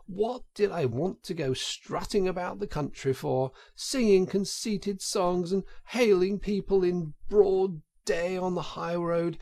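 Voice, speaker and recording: A man's voice: high voice, vocal fry, darkish tone, pitched above the performer's own voice, exaggerated voice. A man voicing a boastful, self-pitying male toad in a storybook reading, with wailing, theatrical complaints.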